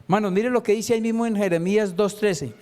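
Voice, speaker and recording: High-pitched lay preacher, a man who keeps asking the congregation questions. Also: fast talker, warm tone. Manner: asks the congregation rhetorical questions. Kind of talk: sermon.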